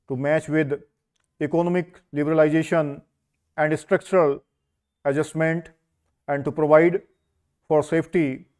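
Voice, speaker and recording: A man gives a very slow school dictation, his voice pitched a little high. He breaks the script into short, measured phrases and leaves pauses between them for writing. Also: a little mellow. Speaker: dictation reader for a stenography skill test.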